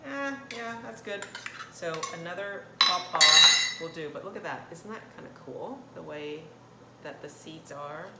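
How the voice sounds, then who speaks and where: This Thai cooking host has a lowish voice with lively intonation and a measured pace as she demonstrates a dish in her indoor kitchen. She rambles casually and keeps interrupting herself, while the roomy, echoey recording picks up clear kitchen noise and clattering dishes and cutlery.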